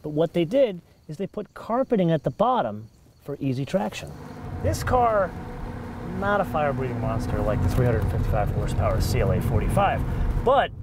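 A man's voice: a little high, moderate pace. A man in his forties hosting a car review, talking with emphatic energy while driving and outdoors on a lapel mic. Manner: lively, emphatic, talks with his hands. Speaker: car show host. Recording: road and outdoor noise behind.

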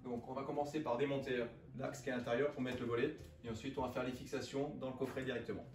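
A man's voice: medium pitch, little pitch movement, fast. A man in his forties, hosting a home DIY video, explaining each step in a plain, matter-of-fact way. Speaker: DIY channel host. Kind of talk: casual step-by-step DIY narration. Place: home room by windows, indoors. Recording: echoey room, distant mic, background noise.

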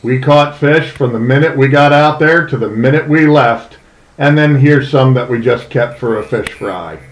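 A middle-aged man, a fishing charter captain, telling what happens on his trips in a relaxed voice-over. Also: medium pitch, echoey room, rough recording. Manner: slow, easygoing storytelling. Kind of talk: voice-over narration.

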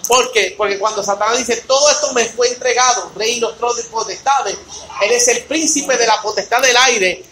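A man's voice: very high voice, moderate pace, sharp tone, slight background noise, poor audio. A man leading a Bible study. He reads scripture aloud, then explains it with rhetorical questions and talks to his listeners by name. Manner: addresses listeners by name in a conversational way.

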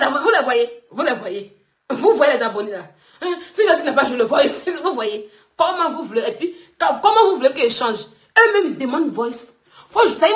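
Lady on her live, high pitched, laughing and teasing a lot. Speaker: live streamer. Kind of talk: casual live-stream chat.

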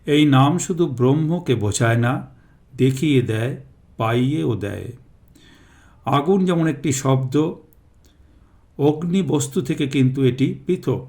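A man slowly chanting Sanskrit verses and then explaining them in a calm, measured reading. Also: medium pitch. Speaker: Gita reader and explainer. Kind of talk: scripture recitation with explanation.

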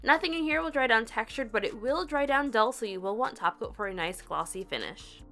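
Young woman, polish reviewer; chatty, upbeat voice-over, fairly high voice. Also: expressive, fairly quick, sharp tone, soft background music. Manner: giggles at her own slips. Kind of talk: scripted product review voice-over.

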